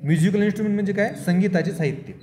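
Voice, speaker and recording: A man's voice: sits high, rapid-fire, echoey room, background noise. A man with a Marathi accent, teaching English spelling and pronunciation to pupils in a classroom, patiently spelling words out letter by letter. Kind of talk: classroom reading lesson.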